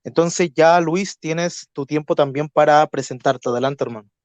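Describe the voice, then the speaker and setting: A Chilean man moderating an online debate, courteous and measured, often pausing with fillers. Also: fairly high pitch, a little mellow, no room sound. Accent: Chilean Spanish. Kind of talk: live-stream debate moderation.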